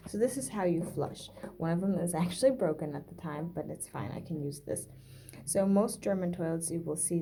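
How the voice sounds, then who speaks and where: A young woman with a slightly low voice chats her way through a home tour, pausing often on "um" as she moves from room to room. Her voice is picked up indoors in a small apartment, with a faint hum of room ambience behind her. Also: dark tone. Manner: chatty, many "um" pauses, walks through rooms while talking. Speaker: vlogger giving a home tour. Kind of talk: casual house tour narration.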